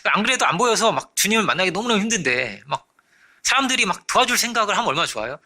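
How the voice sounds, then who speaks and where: A man preaching a sermon as pastor, animated, often checking in with his listeners and acting out the voices in his story. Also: sits high, racing. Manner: animated, acts out quoted voices; frequent rhetorical checks to congregation.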